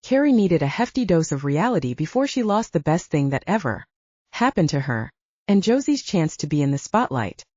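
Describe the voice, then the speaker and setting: A woman narrating a romance audiobook with expressive storytelling. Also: low voice, moderate pace, dry recording, dull audio. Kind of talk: scripted narration.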